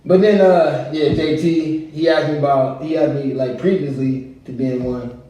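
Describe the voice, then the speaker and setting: A man's voice: fairly high pitch, normal speed. A young man, a guest and author, chatting casually and acting out the voices in his stories. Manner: animated storytelling, acts out quoted voices. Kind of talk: casual chat. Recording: echoey room, distant mic.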